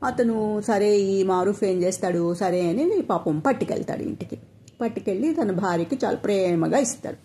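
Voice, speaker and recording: A woman tells a traditional folk tale at an easy storytelling pace. Her voice is mellow and warm, sitting in a middle pitch. She speaks the characters' lines herself, with only small shifts in voice. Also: expressive, moderate pace. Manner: acts out each character's lines in quotes with little change of voice. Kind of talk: storytelling narration.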